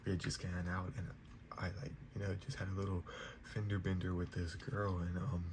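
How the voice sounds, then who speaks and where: A young man giving a whispered ASMR pep talk in a soft, reassuring manner. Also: low voice, flat delivery, a little fast. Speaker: ASMR creator giving positive affirmations. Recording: noisy, clear background hiss.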